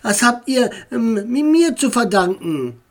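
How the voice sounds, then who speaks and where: A reader putting on a proud, excitable little boy. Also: medium pitch, slow, pitched above the performer's own voice.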